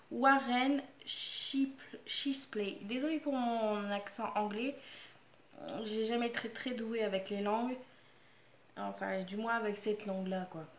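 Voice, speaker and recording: A woman's voice: fairly high pitch, echoey room. A woman casually reviewing books in a frank, joking way, reading out summaries and adding her own comments. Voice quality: chatty, frank and joking, reads blurbs then comments. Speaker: book vlogger. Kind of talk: casual book review chat.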